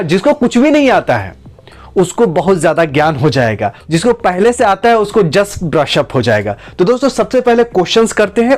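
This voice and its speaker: A man teaching English grammar, who repeats and slowly stretches out each example sentence. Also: sits high. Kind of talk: spoken lesson to camera.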